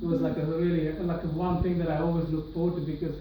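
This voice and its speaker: A young man from Sri Lanka rushes through an earnest personal testimony before an audience in a large room, his voice a little high and flat, fast, with many restarts and fillers. The recording is very noisy, echoing through the hall from a distance.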